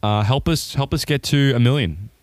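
A man's voice: medium pitch, no room sound. A young man co-hosting a podcast, telling crude stories in casual banter and laughing often. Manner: crude, laughing, quick storytelling. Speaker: podcast co-host.

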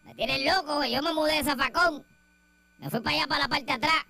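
A woman's voice: high voice, fast, vocal fry. A woman with a Puerto Rican accent voicing a grumpy, gossiping rat who hates everyone, in a radio comedy sketch. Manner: cranky, complaining gossip. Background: music.

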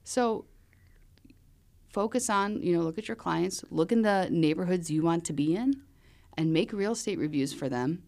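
A woman hosting a casual interview about real estate, upbeat and quick to laugh. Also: fairly low pitch, vocal fry, darkish tone. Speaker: podcast host.

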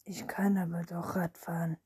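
A woman's voice: fairly low pitch, little pitch movement, moderate pace, dark tone, husky, no room sound, studio quality. A woman voicing a stubborn little girl, almost five, in a defiant muttering whispered role-play.

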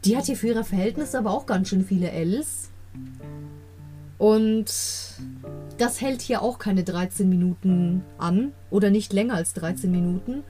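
A woman talking casually as a podcast host, recapping a radio play episode and slowly reading its quoted lines in a put-on voice, often laughing with enthusiasm. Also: mid-range voice, mellow, faint music behind.

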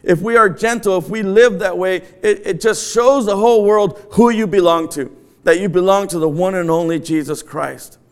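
A man's voice: high-pitched, moderate pace, clean tone. A middle-aged man preaching a sermon in an empty church sanctuary, earnest and repeating his key phrases. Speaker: pastor.

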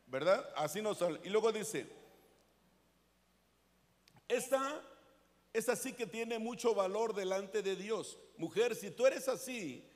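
A man with a Mexican accent preaching a sermon as pastor, earnest and conversational, calling on the congregation to repeat after him. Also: sits high. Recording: echoey hall with long reverb.

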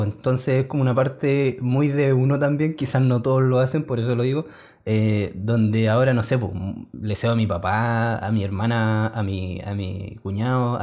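A man's voice: medium pitch, darkish tone. A young man with a Chilean accent, chatting casually and joking with frequent laughs. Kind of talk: casual chat.

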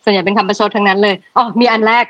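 A woman's voice: medium pitch, flat delivery, racing, muffled recording, a crowd in the background. A woman co-hosting a podcast, wry and playful as she reads out sarcastic lines in casual chat. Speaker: podcast co-host.

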